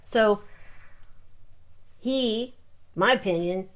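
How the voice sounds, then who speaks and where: A woman giving an informal psychic tarot reading, thinking aloud in short, halting phrases and muttered questions. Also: mid-range voice.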